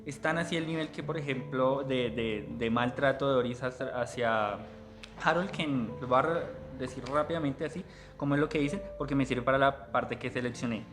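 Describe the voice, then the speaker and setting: A man's voice: mid-range voice, a little fast. A man presenting a book at a literary café, talking in a hesitant way and often correcting himself. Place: public library.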